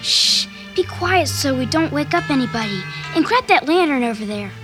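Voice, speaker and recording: A bold, curious boy in a kids' radio play. his voice is very high and lively, and music hums under it. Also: normal speed. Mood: eager. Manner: daring, eager.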